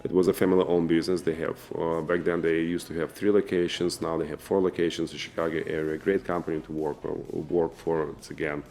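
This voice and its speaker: A man in his forties with a Russian accent, telling his own story to camera in an earnest, halting way with many fillers and restarts. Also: low voice, flat delivery, darkish tone. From former Soviet Union. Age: 40s. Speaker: vlogger and businessman. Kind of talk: casual personal storytelling to camera.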